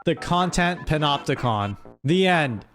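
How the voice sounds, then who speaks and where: Speaking unhurriedly in a low voice with lively intonation, a woman hosts an informal livestream with music behind her. She's playful and theatrically dramatic as she reads and remarks on a story.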